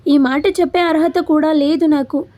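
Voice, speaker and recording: A woman's voice: high voice, fairly even intonation, normal speed, mellow, natural voice. A woman reading a young man's lines in a storybook tale, first heated, then apologetic. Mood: regretful. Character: angry, hurt young man, a lover.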